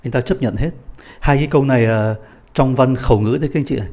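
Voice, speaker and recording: A man who speaks Vietnamese as his first language, teaching French grammar, patiently reading the French examples slowly with a Vietnamese accent. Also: mid-range voice, darkish tone. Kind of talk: explaining grammar in a lesson.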